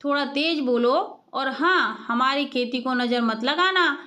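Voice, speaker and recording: A woman voicing a brash, half-deaf young village man who talks loudly and rambles. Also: high-pitched, a little slow. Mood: boastful. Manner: loud, mishears and rambles.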